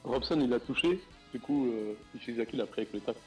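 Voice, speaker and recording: A man's voice: medium pitch, quick pace, poor audio. A man with a mid-range voice talks casually about a game match as co-commentator. Faint music plays underneath him.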